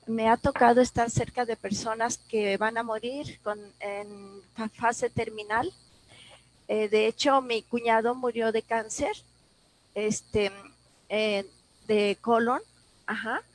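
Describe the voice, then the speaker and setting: A woman in a class discussion telling a personal story, halting and full of restarts, recorded over a video call. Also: a little high, no echo, poor audio. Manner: halting, many restarts and repeated words, emotional retelling. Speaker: class participant.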